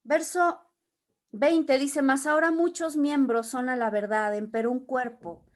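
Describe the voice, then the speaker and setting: A woman's voice: high voice, fairly even intonation, unhurried. A woman leading a Bible study, reading scripture aloud and explaining it with everyday examples. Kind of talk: Bible teaching.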